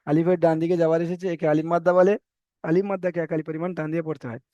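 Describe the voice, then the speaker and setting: A man's voice: a little high, flat delivery, dark tone, no echo. Patient male Quran teacher on a call. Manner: patient, repeats rules slowly, corrects students. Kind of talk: online class teaching. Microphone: video call. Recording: dull dry online call audio.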